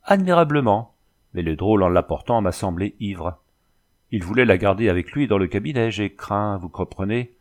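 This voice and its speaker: A man's voice: lowish voice, lively intonation, moderate pace, a little mellow. A man voicing a scheming, fearful old woman who fusses and pleads. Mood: fawning. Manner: pleading, fussy. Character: scheming old female lodging-keeper, fearful and fawning.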